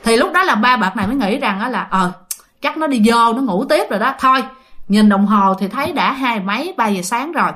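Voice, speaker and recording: High-voiced Southern Vietnamese woman telling ghost stories. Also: expressive, fairly quick, fairly bright tone. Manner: chatty, filler-heavy, addresses listeners. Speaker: storyteller. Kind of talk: casual ghost story narration.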